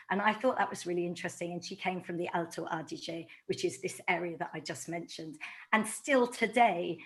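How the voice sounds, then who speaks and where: A middle-aged woman from London, an author giving a talk to a community audience, telling stories with animation and acting out quoted exchanges. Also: on the low side. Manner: animated storytelling, acts out quoted dialogue.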